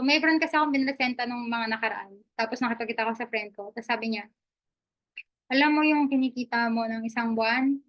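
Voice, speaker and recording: An upbeat woman presenting live to an online audience. Her voice sits a little high, and she talks in a chatty, encouraging way. She checks in with her listeners constantly and laughs easily. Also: sharp tone. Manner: chatty, mixes English and Tagalog, often asks "di ba?". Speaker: affiliate marketing presenter.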